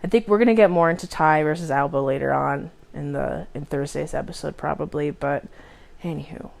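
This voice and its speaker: Very low-pitched American woman chatting casually. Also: brisk, creaky, a little mellow. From United States. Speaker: podcast host. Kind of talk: casual chat.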